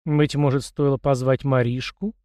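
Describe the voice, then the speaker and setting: A man's voice: medium pitch, flat delivery, moderate pace, a little mellow, dry recording, clean studio sound, natural voice. A man voicing a playful, teasing young woman in an audiobook.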